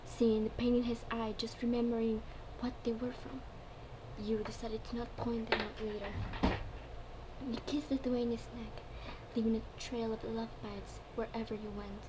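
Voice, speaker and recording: A woman's voice: on the high side, level tone, moderate pace. A woman giving an amateur dramatic reading of a story, now and then stumbling over her words and repeating phrases. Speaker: fan fiction reader. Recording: clearly noisy home recording.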